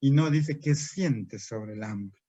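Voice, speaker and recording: A man's voice: mid-range voice, slow, warm tone, no room sound. A man giving a lecture to teachers as a trainer, asking and answering his own rhetorical questions. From Peru. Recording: dry, dull lo-fi recording.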